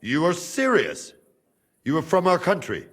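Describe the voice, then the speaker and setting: A calm, steady castle guard. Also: male voice, a little high, heavily acted. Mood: surprised. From Buda. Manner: calm, measured, firm. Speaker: guard loyal to the king.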